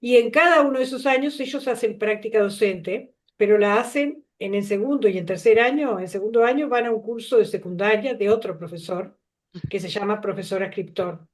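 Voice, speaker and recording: A woman's voice: medium pitch, a little fast. A middle-aged woman from Uruguay with a Uruguayan accent, a teacher educator speaking thoughtfully in a workshop discussion over a video call. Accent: Uruguayan Spanish. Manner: thoughtful, uses filler "este".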